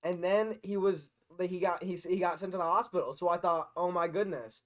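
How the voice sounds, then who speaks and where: A young man chatting as a podcast guest, his voice a bit higher than most. He tells a long rambling story, getting loud whenever he breaks into laughter. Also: steady tone, a little fast. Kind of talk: casual chat.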